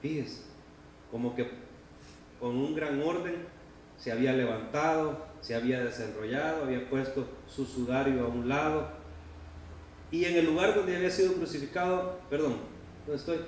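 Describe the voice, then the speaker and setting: A man's voice: mid-range voice, steady tone, normal speed, long pauses, a little mellow. A man pastor giving a sermon in a church hall, emphatic and full of rhetorical questions to the congregation. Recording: very echoey hall, distant mic, faint noise.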